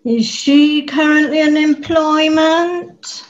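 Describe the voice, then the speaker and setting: A woman playing a brusque, unimpressed job centre clerk in a pantomime sketch, questioning curtly and deliberately. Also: high-pitched, fairly even intonation, dull audio. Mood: businesslike.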